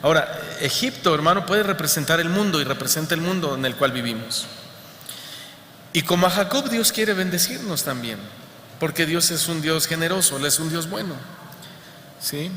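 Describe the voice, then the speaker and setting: A male pastor preaching a sermon in a church hall and often turning to his listeners with rhetorical questions. His voice is bright and a bit high. The hall gives it a long, roomy reverb. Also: animated, normal speed, a little hiss or hum.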